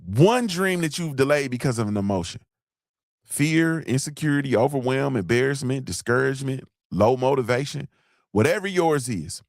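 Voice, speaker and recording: A man's voice: medium pitch, expressive, normal speed, no echo, clean studio sound. Fired-up man preaching motivation. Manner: fired up, preachy, repeats lines for emphasis. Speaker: morning show host. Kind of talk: motivational live-stream talk.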